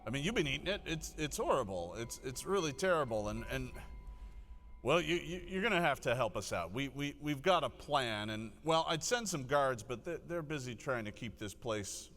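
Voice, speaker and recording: A man's voice: mid-range voice, animated, moderate pace, fairly bright tone, soft background music. A man voicing an exasperated town-drunk guard sergeant in a live tabletop game, rambling and stammering over repeated words. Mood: complaining. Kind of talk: live tabletop role-play.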